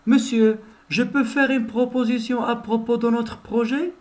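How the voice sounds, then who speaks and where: A man's voice: extremely high pitch, steady tone, unhurried, darkish tone, voice pushed up. A man voicing a polite male pupil who asks his teacher if he may make a suggestion. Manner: polite, raised and careful.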